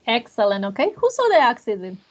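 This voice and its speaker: Husky-voiced woman teacher, lo-fi recording. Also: a little high, wildly swooping pitch, normal speed. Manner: patient, repeats student answers and praises them. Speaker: English teacher. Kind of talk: classroom grammar lesson.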